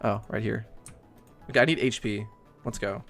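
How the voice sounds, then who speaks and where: A young man livestreaming a game, chatting casually, swearing and ranting loudly at it. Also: lowish voice, normal speed, soft background music. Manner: excitable, swears often, rants loudly at the game. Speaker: streamer.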